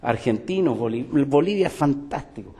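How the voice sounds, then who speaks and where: An older man with a Chilean Spanish accent speaks to an audience in a cultural center hall. His voice is dark and mellow, and his delivery is emphatic, with frequent rhetorical questions and asides. Long reverb from the hall trails behind his words. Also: medium pitch, lively intonation, normal speed. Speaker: guest speaker, music teacher and folklorist. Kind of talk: public talk to an audience.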